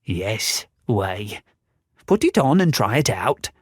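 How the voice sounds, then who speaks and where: A man's voice: fairly low pitch, sing-song, slow, breathy edge, no echo, clean studio sound, exaggerated voice. A man voicing a kindly, forgetful old male inventor in an audiobook, explaining things patiently. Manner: patient, instructive. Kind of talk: audiobook character voice.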